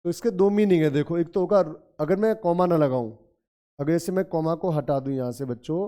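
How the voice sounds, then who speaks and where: A middle-aged man with a Hindi accent teaches an English vocabulary lesson in class, calling his students children and repeating key words several times. His fairly high voice is brisk, mellow, and clean.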